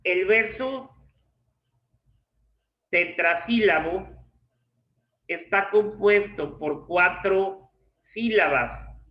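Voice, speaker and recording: A man teaching a literature class, reading his notes slowly in short phrases as if dictating to students. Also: high voice. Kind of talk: slow dictated lecture. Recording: echoey room, dull lo-fi sound.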